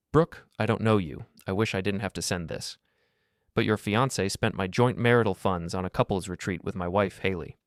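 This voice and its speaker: A man narrates a first-person drama in a very low voice, keeping his delivery calm and measured. The sound is dry and close, with no room around it. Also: no echo.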